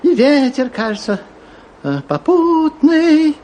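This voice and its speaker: Flustered, swooping-voiced eccentric gentleman traveller. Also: extremely high pitch, very animated, slow, heavily acted. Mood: eager, sociable. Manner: effusive, flustered, stammering and chattering. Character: eccentric, absent-minded, talkative gentleman traveller, fussy and cheerful. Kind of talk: old radio show acting.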